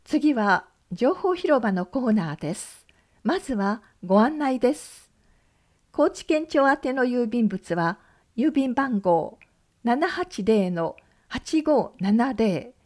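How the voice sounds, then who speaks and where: A woman radio announcer with a somewhat high voice reads community notices. She keeps a slow, even pace as she works through place names, dates and phone numbers in a measured, clear delivery.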